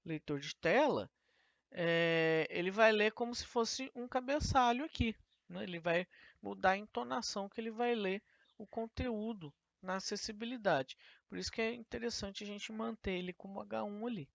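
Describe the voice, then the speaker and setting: Woman teacher, gravelly voice, talks a screen-recorded coding lesson through step by step on a dull lo-fi mic. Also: medium pitch, normal speed, no room sound. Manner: explains step by step, asking and answering her own questions.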